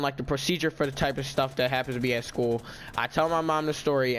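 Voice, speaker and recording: A man's voice: mid-range voice, slight background noise. A teenage boy telling a storytime vlog in a casual, indignant, ranting way. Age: teens. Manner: indignant, ranting, self-justifying.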